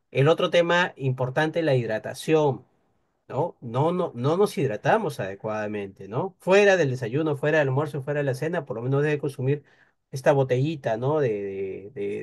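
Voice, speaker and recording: A man, giving an explanatory talk on nutrition and rest to an audience, teacherly, with frequent rhetorical questions. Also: mid-range voice. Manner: didactic, peppered with rhetorical questions. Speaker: invited speaker on nutrition.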